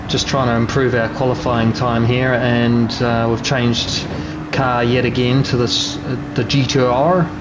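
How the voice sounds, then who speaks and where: Slow-talking New Zealand man streaming. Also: medium pitch, background noise. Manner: relaxed, chatty, reads out chat names. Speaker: sim racing streamer. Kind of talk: live gameplay commentary. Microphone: gaming headset.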